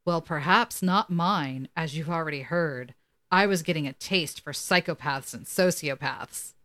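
A podcast co-host with a low-sitting, unhurried, slightly bright voice reads articles aloud on a casual show, tossing in wry asides.

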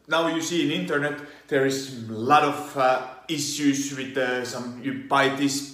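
Finnish-accented male coach, mid-pitched, hesitant explainer, roomy sound. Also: a bit bright. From Finland. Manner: halting, many fillers and restarts. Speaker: online fitness coach. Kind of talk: explainer monologue.

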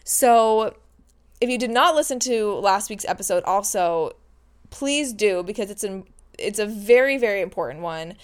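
A woman's voice: mid-range voice, lively intonation, normal speed, clear, resonant tone. A woman hosting a casual solo podcast, talking frankly and chattily with mild swearing while lying in bed, getting over a stomach flu. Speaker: podcast host.

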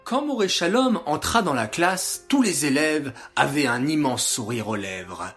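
A man telling a story to children in a gentle, clearly enunciated, slow reading voice. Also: medium pitch, lively intonation, faint music behind.

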